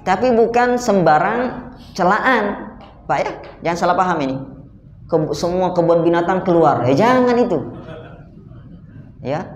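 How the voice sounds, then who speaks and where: A man's voice: sits high, expressive, measured pace, long pauses. Man, religious lecture, talks directly to listeners, echoey hall, muffled lo-fi sound, faint hiss. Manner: conversational, asks the audience rhetorical questions; addresses listeners directly as "sir". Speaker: Islamic teacher. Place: mosque hall. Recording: roomy, dull lo-fi recording.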